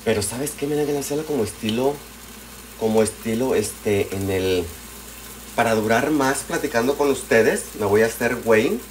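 Mexican guy livestreaming from his kitchen, slangy and affectionate, mid-pitched voice, pans clattering and frying behind him. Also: moderate pace, a little hiss or hum. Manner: chatty and affectionate, greets viewers by name, slangy. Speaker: live streamer. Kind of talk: casual cooking livestream chat. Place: home kitchen at night. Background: frying, pots and dishes clattering.

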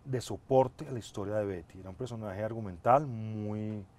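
A middle-aged man, an actor being interviewed on a TV studio set, answering in a reflective, measured and earnest way on a lapel mic. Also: fairly low pitch, a little mellow. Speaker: actor guest. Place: TV studio set, seated in armchair.

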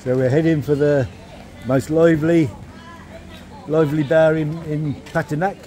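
A man casually narrating his travel vlog while walking at night, relaxed and rambling. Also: fairly high pitch, a little slow. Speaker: vlogger. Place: outdoors at night on city streets. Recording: noisy street recording. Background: street traffic noise.

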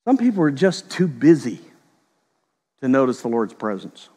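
A middle-aged man preaching a sermon, telling stories in a conversational way and slipping into quick voiced quotes. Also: medium pitch, big pitch swings, darkish tone, slightly rough, long reverb tail. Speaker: pastor.

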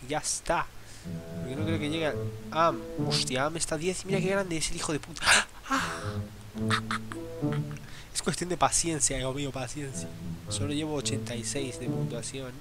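Young man, casual gameplay commentary, excitable, swearing, fairly high voice, game music behind. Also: moderate pace. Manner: excitable, swearing, sudden yells and laughs. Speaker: gameplay youtuber.

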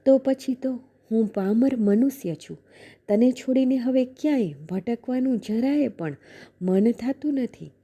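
A woman reading a devotional scripture aloud in a soft, measured recitation, slowing to chant the verses. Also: a little high, animated. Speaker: devotional reader.

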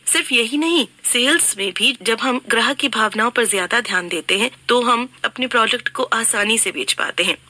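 A woman reading a scripted book summary in an even, instructive way. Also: a little high, no room sound. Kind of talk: scripted narration.

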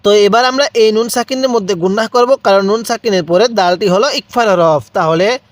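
A man with a high-pitched voice and a Bangladeshi Bengali accent teaches Quran recitation, spelling out each syllable slowly and prompting listeners to repeat after him. There is no room sound.

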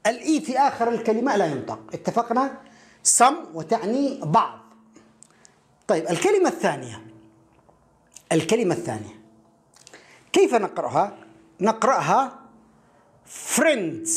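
A middle-aged woman teaching a beginner English reading lesson, patiently repeating each word slowly several times. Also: mid-range voice, darkish tone.

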